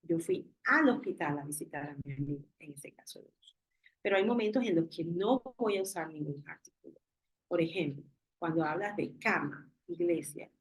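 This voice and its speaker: A fairly low, breathy-edged woman's voice comes through a low-quality recording. She's a teacher on a video-call class covering English grammar, switching between Spanish and English as she patiently takes each example in turn.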